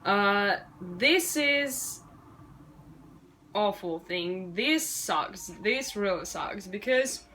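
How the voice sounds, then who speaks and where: Slow-talking frustrated young woman venting. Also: mid-range voice, animated, pushed and bright, slight background noise, low-quality recording. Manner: frustrated, blunt, swears freely, slow with many fillers. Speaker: vlogger, waitress. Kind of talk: casual ranting vlog.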